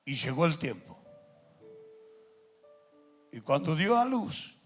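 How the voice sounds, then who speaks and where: An older man preaching a testimony sermon in Argentine Spanish, telling stories that swing from hushed to shouting. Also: on the high side, very animated, slow, faint music behind. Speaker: pastor. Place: large church with music behind.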